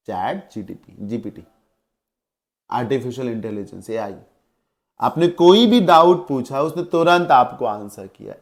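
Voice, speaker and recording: A male English teacher with an Indian accent, lecturing a class, explaining with everyday examples and repeating key words. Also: a little high.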